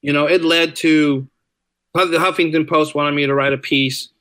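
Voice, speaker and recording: A middle-aged teacher and writer, guesting on a podcast, tells stories in a chatty, informal way and repeats phrases for emphasis. His voice is a little high and a bit bright, with fairly even intonation and normal speed, recorded with no echo.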